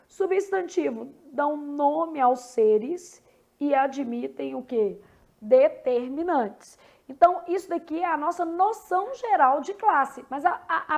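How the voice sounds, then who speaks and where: A woman with a Brazilian accent teaching Portuguese grammar in an online exam-prep lesson. She explains in a conversational way and often checks in with tag questions. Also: high voice.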